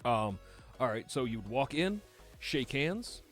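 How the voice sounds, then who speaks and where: A man with a New York accent, hosting a podcast and telling stories in casual chat, animated and swearing freely. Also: medium pitch, measured pace, faint music behind. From United States. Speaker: podcast host.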